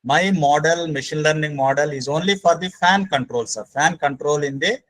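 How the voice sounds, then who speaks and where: Male instructor, Indian accent, slightly high voice, insistent and repetitive explanatory delivery for an online class. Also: moderate pace, a bit bright. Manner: emphatic, repetitive, frequently says sir. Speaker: speaker at a faculty training session. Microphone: online call microphone.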